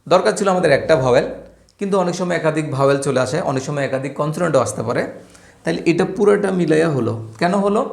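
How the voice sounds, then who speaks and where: A man's voice: on the high side, creaky, darkish tone. A man teaching an English lesson at a board, explaining with playful family comparisons. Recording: echoey room.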